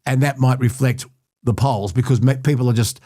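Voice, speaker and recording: A man's voice: medium pitch, fairly even intonation, brisk, mellow, dry recording, studio quality. An Australian man hosting a podcast, chatting wryly about politics in short bursts. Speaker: podcast host. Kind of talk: casual political chat.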